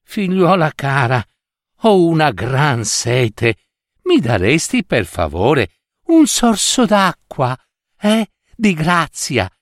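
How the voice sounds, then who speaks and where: A man voicing a gentle fairy disguised as an old woman in a storybook reading, calm and unhurried. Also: on the high side, dry recording, clean studio sound, full character voice. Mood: pleading.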